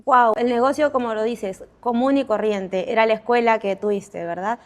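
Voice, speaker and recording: Woman, podcast host, fairly high voice, affirming, sums up the guest. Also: fairly even intonation, moderate pace. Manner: affirming, summarizes the guest's words. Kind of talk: interview hosting.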